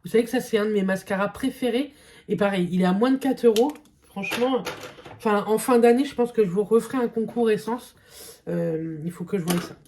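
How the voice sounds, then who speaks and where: There's background noise behind this young woman beauty vlogger as she chats casually during a makeup test. Her mid-range voice moves a little fast, and she hesitates a lot, leaning on fillers.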